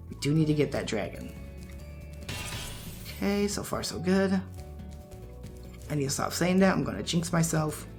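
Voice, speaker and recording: A man giving relaxed, chatty commentary while playing a video game, his voice wearing out. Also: on the high side. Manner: relaxed, chatty, laughs at his own mistakes. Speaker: let's play gamer. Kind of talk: casual gameplay commentary.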